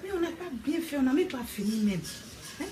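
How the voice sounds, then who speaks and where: An actress with an Ivorian French accent playing a pushy, excitable wife who protests loudly and insistently. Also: female voice, sits high, a crowd in the background, background noise. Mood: pleading. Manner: insistent, loud and quick to protest. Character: pushy, excitable grown woman, lively and demanding. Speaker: wife brought to the police station. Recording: echoey room, distant mic, faint ambience.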